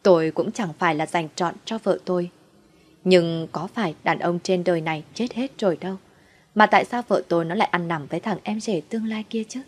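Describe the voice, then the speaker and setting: Woman narrator, dramatic storytelling, low-pitched, first-person audio story. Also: a little fast, husky. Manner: dramatic, voices the husband as narrator.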